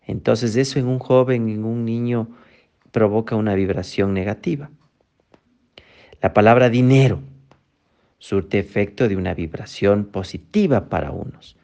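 A man's voice: lowish voice, measured pace, creaky, a little mellow, lo-fi sound. A man giving a motivational talk. He speaks emphatically, posing rhetorical questions and then answering them.

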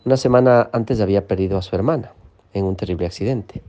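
Calm male meditation teacher, low-set and mellow, guiding an exercise gently. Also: fast, highs cut off. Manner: calm, often checks in with listeners. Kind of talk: guided emotional-awareness teaching.

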